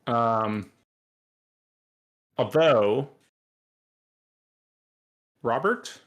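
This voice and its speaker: A man running a tabletop game as game master speaks haltingly, packing in fillers and sometimes muttering to himself. His voice is medium in pitch.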